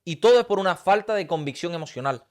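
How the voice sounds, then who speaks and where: A man's voice: sits high, animated, quick pace, a little mellow. A man, giving an intense, preachy motivational talk straight to camera and piling up rhetorical questions. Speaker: motivational coach. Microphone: talking straight to camera.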